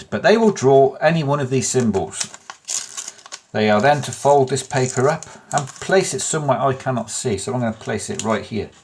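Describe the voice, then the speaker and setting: A man's voice: mid-range voice, a little mellow, slight background noise. A man presenting a card trick tutorial in an informal, chatty way, with self-deprecating muttered asides to himself.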